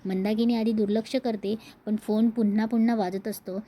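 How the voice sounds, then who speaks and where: A woman's voice: mid-range voice, little pitch movement, normal speed, dark tone. A woman narrating a TV serial episode recap, storytelling and acting out the dialogue.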